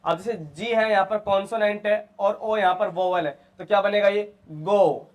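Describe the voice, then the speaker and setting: In a classroom lesson on English pronunciation, a man keeps asking his students questions, repeating their answers and calling them "beta." His voice is high, with fairly even intonation and a moderate pace.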